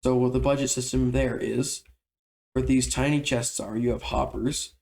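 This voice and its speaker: Casual male game tutorial narrator, mid-range voice with noticeable vocal fry, relaxed and chatty. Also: medium pitch, moderate pace. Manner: relaxed, conversational explaining.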